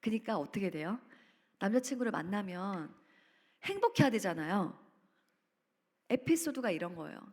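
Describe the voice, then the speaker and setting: At a church family seminar in a retreat center hall, a woman dramatically retells a story, acting out quotes with sudden leaps in her voice. Her voice is mid-range and darkish, with big pitch swings, normal speed, and long pauses. The hall is reverberant.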